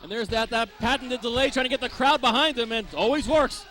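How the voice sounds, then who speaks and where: A man's voice: very high-pitched, fairly quick, a bit bright. A man giving live wrestling play-by-play commentary in wordy, descriptive phrases.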